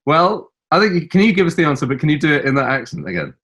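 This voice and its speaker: A man's voice: on the high side, expressive, fast, a bit bright, husky. A middle-aged man co-hosting a quiz, reading answer options with teasing relish. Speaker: quiz co-host.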